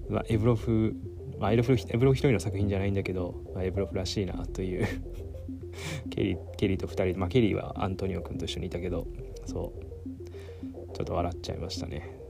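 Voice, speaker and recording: Music runs under this solo talk show, where the male host rambles informally and laughs at his own jokes. His low voice is creaky and fast, though his tone stays steady.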